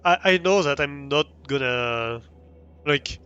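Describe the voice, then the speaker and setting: A man's voice: a little high, slow pace, bright, forceful tone, smooth, highs cut off. A young man with a French accent, streaming a game live and chatting with viewers, hesitant with many fillers and restarts. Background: faint music.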